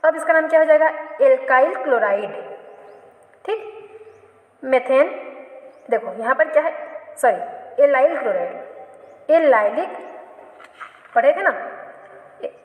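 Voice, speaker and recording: A woman's voice: sits high, animated, takes it slowly, long pauses, phone-quality sound. A woman chemistry teacher giving a classroom lecture, asking questions and answering them herself, often repeating and correcting herself. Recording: echoey room, long reverb.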